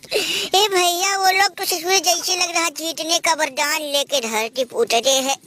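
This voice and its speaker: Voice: very high voice, fairly even intonation, a little slow, pushed and bright. A cartoon comedy voice, wailing and scolding in a melodramatic mock lament.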